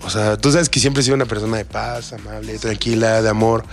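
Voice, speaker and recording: A man's voice: fairly low pitch, little pitch movement, a little fast, creaky, soft background music. Joking Mexican man, guest DJ. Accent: Mexican Spanish. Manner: joking, teasing. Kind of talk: casual chat.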